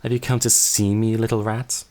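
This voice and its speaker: A man's voice: on the low side, level tone, moderate pace, a little mellow, voice pushed up, natural voice. A man voicing a cruel, vain young woman who taunts in a sing-song way. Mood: taunting.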